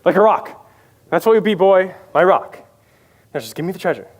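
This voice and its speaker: A flamboyant swaggering pirate captain. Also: male voice, high voice, lively intonation, fairly quick. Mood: wheedling. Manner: theatrical, wordy, swaggering, wheedling. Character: vain flamboyant adult male pirate captain. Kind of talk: stage musical acting. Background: music.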